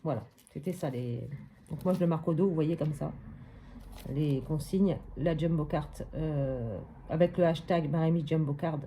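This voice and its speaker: A woman's voice: sits low, moderate pace, dark tone, a little hiss or hum. A woman hosting a casual step-by-step crafting tutorial at her craft table at home, chatting and thinking aloud with many little hops and voilàs.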